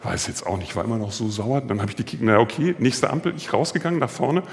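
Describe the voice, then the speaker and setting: Male preacher, mid pitch, casual anecdotal sermon, long church-hall reverb. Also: animated, fast. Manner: storytelling, acting out quoted voices.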